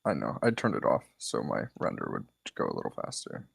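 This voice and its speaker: A man's voice: very deep voice, huge pitch swings, brisk, creaky, background noise. A man chatting casually over a remote call, his voice coming through as corrupted, glitching audio while he talks offhandedly as he works. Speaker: friend on a call. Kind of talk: casual chat.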